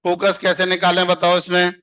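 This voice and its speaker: A man's voice: high voice, monotone, brisk, pushed and bright, clean tone. A man teaching a math class, constantly quizzing and coaxing his students to answer. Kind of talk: classroom lecture.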